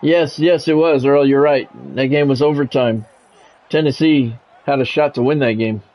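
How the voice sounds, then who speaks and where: Over poor audio, a male streamer gives live commentary on a sports game he's playing, mixing announcer calls with casual chat. His medium-pitched voice is steady, moderately paced, and somewhat dark.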